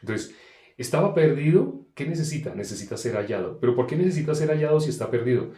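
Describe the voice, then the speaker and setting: A man preaching a sermon, emphatic, asking questions and answering them himself, swinging between loud and soft. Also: mid-range voice, animated, fast, echoey room.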